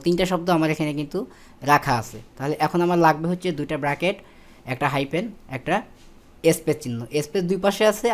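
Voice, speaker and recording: Tutorial voice-over: a man walking through spreadsheet steps, with fillers and self-corrections. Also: a little high. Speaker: instructor. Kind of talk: screen-recorded spreadsheet tutorial.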